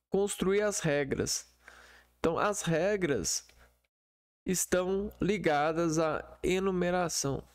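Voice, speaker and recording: A man teaching an online lesson over a shared screen, in a slow, hesitant way full of fillers. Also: on the high side, clear, resonant tone, no echo, clean studio sound.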